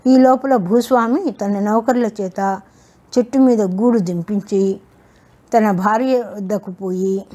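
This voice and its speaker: A woman narrating a folk tale in a steady, measured storytelling manner. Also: mid-range voice.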